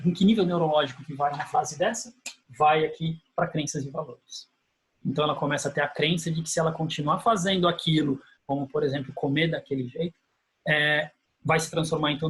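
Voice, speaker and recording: A man teaching a lesson, walking through slides in an explanatory way and slowly acting out phrases that parents say. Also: a little high. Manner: explanatory, repeats key phrases. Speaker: instructor. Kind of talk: explaining slides in a lecture video.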